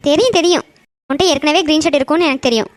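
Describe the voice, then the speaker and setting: Woman doing a squeaky teasing young bride. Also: slight background noise, natural voice. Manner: teasing, fast chatter.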